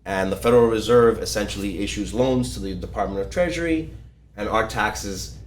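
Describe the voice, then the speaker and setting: A man's voice: lowish voice, a little fast, roomy sound. A man from Ecuador talking casually as a guest, explaining things with many fillers and restarts. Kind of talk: casual podcast conversation. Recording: faint background noise.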